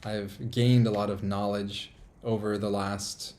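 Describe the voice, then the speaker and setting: A man's voice: fairly low pitch, level tone, slow pace, darkish tone. A man from the United States hosting a casual live stream from a small apartment, rambling upbeat and reading viewer comments aloud.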